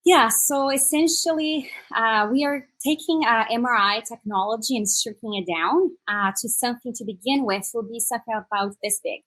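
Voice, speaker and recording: Speaking at normal speed with few pauses, this woman's slightly high, somewhat bright voice comes through poor audio. She is a Brazilian startup executive in her thirties, a native Portuguese speaker with a Brazilian Portuguese accent, upbeatly explaining her startup as a panel interview guest with many "uh" fillers.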